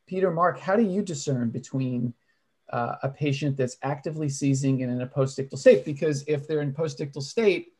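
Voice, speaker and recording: A man's voice: fairly high pitch, moderate pace, a little mellow, husky. A man moderating an online medical case discussion, explaining points in a teaching tone and putting questions to the other panelists.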